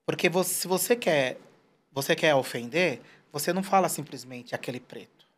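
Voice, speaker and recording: A man in his forties with a somewhat high voice speaks at normal speed as a guest in a casual interview. He's animated, telling stories and quoting people in short put-on voices.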